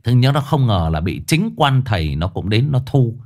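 A man telling a tragic true story to his listeners in a casual spoken style, with sudden high emphatic bursts and low somber drops. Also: sing-song, normal speed, dark tone. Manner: addresses listeners directly, casual with restarts.

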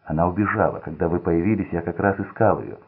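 A man's voice: sits low, fast talker, breathy edge. A man voicing a bewildered young man held at gunpoint who answers in an evasive, uneasy way. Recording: tinny phone-like sound.

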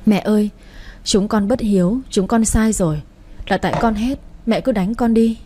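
A woman's voice: medium pitch, moderate pace, warm tone, a little hiss or hum, close to an everyday voice. Woman voicing a remorseful eldest son. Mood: pleading. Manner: pleading, choked.

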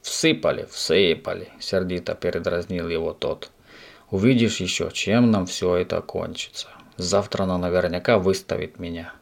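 A man voicing a grumpy, harried middle-aged lodger who grumbles in a hushed voice. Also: deep voice, steady tone, moderate pace, gravelly. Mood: exasperated.

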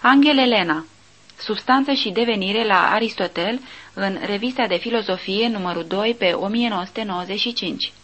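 A woman narrating a nonfiction audiobook, reading reference lists in a slow, measured way. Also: mid-range voice, fairly bright tone, muffled recording. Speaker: audiobook reader.

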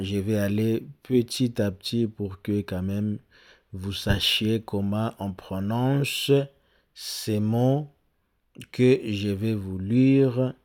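Male language teacher, low voice, very slow, patient word-by-word drilling. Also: darkish tone. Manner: repeats words slowly for pupils to copy; hesitant, with fillers and restarts. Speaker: English teacher.

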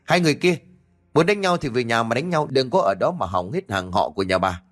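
A man voicing a loud, scolding middle-aged village woman in a storybook narration. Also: mid-range voice, animated, a little fast, close to an everyday voice.

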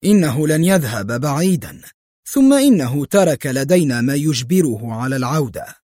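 Reader plays a wary male crime boss for an audiobook: guarded, tense, lively, dry. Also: medium pitch, moderate pace, no room sound. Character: wary, angry male drug-gang boss.

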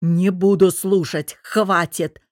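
A woman's voice: on the low side, fairly even intonation, moderate pace, dry recording, clean studio sound, natural voice. A woman voicing an angry, domineering, jealous young businessman husband who growls and barks his words. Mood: angry shouting. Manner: growling, barking, hissing through teeth.

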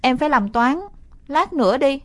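Woman putting on a little girl voice, whiny n pleading, high, storybook. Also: lively intonation, moderate pace.

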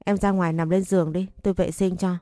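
A woman's voice: lowish voice, little pitch movement, fast talker, dark tone, no room sound, studio quality, faint music behind, natural voice. A woman voicing a confident, doting young husband who teases bossily, in a story reading. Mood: teasing.

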